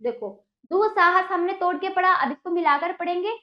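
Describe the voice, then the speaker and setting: A woman teacher giving a Hindi pronunciation lesson to children, saying each word slowly and repeating it. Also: extremely high pitch, reverberant, dull audio.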